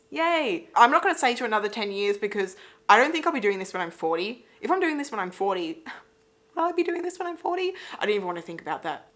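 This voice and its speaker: A woman's voice: on the high side, a bit bright. A woman in her thirties from Britain hosting a casual sit-down Q&A for her channel, rambling in a chatty way with lots of "like" fillers. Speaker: YouTube reaction channel host.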